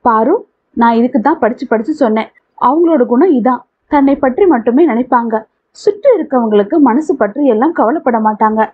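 A woman's voice: on the high side, fairly quick, husky. A woman reading the part of a blunt young female friend who teases and scolds. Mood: teasing. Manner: teasing, scolding. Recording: tinny phone-like audio.

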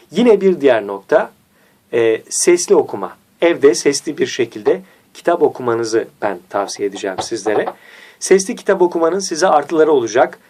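A man teaching a diction lesson, speaking didactically and repeating key points to his viewers. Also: a little mellow. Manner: varies pitch and slows for emphasis. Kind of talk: instructional video lesson.

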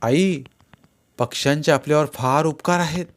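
A man's voice: fairly high pitch, normal speed, natural voice. A man voicing an eager schoolboy. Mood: earnest. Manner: earnest, explaining. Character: eager schoolboy, curious bird-watcher.

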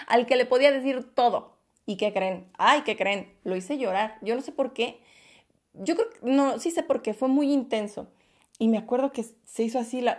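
A woman's voice: mid-range voice, darkish tone. A woman giving a passionate, emphatic motivational talk to her viewers. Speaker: vlogger.

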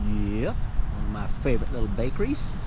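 A man's voice: lowish voice, big pitch swings, moderate pace. A man in his forties chatting cheerfully on a road-trip vlog, talking to a dashboard camera from inside a moving car. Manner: cheerful, exclaims at the scenery. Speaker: vlogger. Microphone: camera mounted on the dashboard. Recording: in-car camera with loud music. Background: loud music and car noise.

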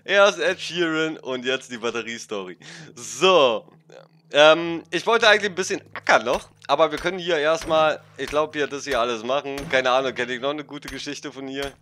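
A man's voice: on the high side, moderate pace, pushed and bright. A man casually rambling through funny anecdotes while commenting on a game, tagging his sentences and laughing along. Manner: rambling, chatty, constant "ne?" tags, laughs at own stories. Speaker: let's play streamer. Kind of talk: casual gameplay commentary and storytelling.

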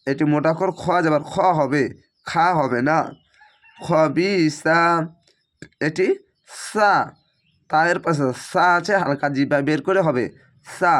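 Male Quran teacher with a Bangladeshi Bengali accent and a raised pitch, who spells out each word and repeats it patiently. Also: a bit bright. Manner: breaks words into syllables, repeats them slowly. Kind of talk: spelling-out Quran recitation lesson.

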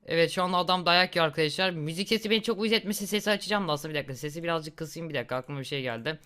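A young man giving casual, excitable gameplay commentary, reacting loudly and laughing at gory moments. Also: fairly high pitch, racing. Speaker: gaming YouTuber.

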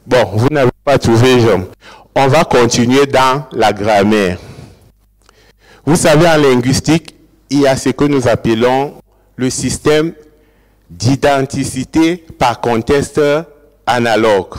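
This academic lecture comes from a man speaking slowly at a medium pitch. He explains, returns to key terms, and asks listeners if they're keeping up, while the big lecture hall adds a long, trailing echo.

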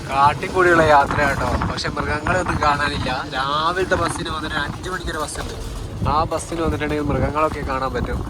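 Male travel vlogger, Kerala accent, informal and chatty, rapid delivery, heavy vehicle noise on location. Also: fairly high pitch, fairly even intonation. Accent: Kerala Malayalam. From Kerala, India. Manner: chatty, addresses viewers informally. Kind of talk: casual travel vlog commentary. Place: on the move outdoors and in buses. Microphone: handheld phone. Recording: loud traffic and engine noise.

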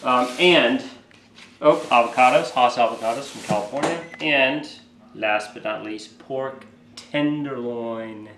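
A man's voice: mid-range voice, unhurried. Chatty man in an echoey kitchen. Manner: chatty, joking, listing groceries. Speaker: cook on a road trip. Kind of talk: casual show-and-tell vlog. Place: hotel kitchen. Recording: echoey kitchen, clear noise.

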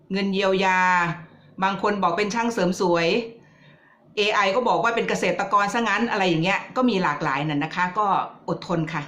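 A woman's voice: fairly low pitch, fairly bright tone. A woman vlogger giving casual political commentary, chatty and teasing as she addresses her viewers directly.

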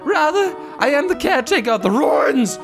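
A man voicing a gentle, motherly goat queen who speaks formally and sentimentally. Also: very high voice, very animated, moderate pace, creaky, pitched above the performer's own voice, heavily acted. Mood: kindly. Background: game music.

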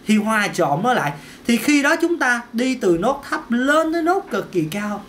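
A male voice teacher, talking through a casual singing lesson. His pitch swings up and down a lot as he explains, and he often repeats himself and tosses in quick "ok"s between points. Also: a bit bright, slight background noise. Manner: chatty, repeats words, peppers talk with "ok" and "đó". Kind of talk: casual vocal lesson to camera.

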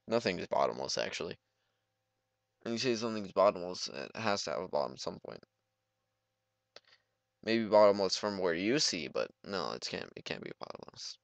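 A man's voice: low-pitched, a bit bright, smooth, no room sound. Goofy young man rambling over gameplay. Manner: goofy, rambling, jokey, talks to the game. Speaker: let's play gamer. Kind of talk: casual let's play commentary.

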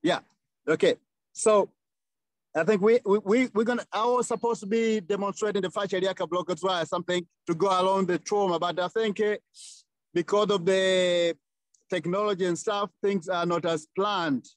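Halting high-voiced man from Tanzania. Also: steady tone, dry recording. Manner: halting, many fillers and restarts. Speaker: webinar organizer. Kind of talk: casual introduction. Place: outdoors under trees. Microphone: phone video call.

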